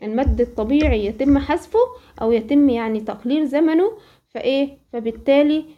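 A woman with an Egyptian accent teaching a Quran recitation lesson, asking questions and then answering them, and slowly reciting the examples. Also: sits high, muffled recording. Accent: Egyptian Arabic. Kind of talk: tajweed lesson.

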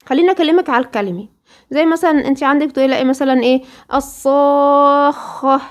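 A woman with an Egyptian accent teaching Quran recitation rules, asking her students questions and answering them herself, sometimes drawing out example words slowly. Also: high-pitched, lively intonation, a little mellow. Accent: Egyptian Arabic. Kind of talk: interactive lesson with students.

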